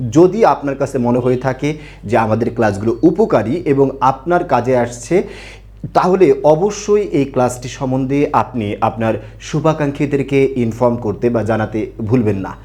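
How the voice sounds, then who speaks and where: A man's voice: mid-range voice, animated, moderate pace, darkish tone. A man teaching an online grammar class, who asks questions and answers them himself and repeats key points. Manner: repeats key points, tells listeners to pay attention.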